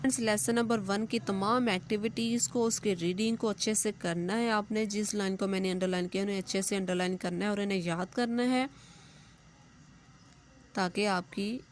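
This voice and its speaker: A woman, a school English teacher giving a recorded lesson, patiently explaining step by step and reading English examples slowly. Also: medium pitch, steady tone, a little hiss or hum. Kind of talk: recorded class lesson explaining grammar and homework.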